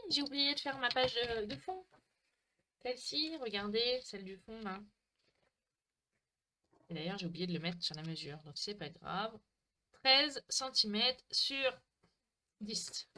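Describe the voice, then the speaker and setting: A woman hosts a crafting livestream at home, talking warmly to her viewers by name while she stamps and cuts. Her voice is bright and sits a little high. She mocks her own mistakes as she works into a desk mic. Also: a little hiss or hum. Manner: chatty, talks to viewers by name, self-mocking. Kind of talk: chatty live craft demo.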